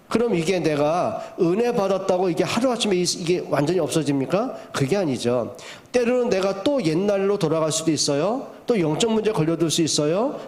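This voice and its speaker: A middle-aged male pastor preaching a sermon, asking the congregation rhetorical questions and repeating his key points for emphasis. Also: fairly high pitch.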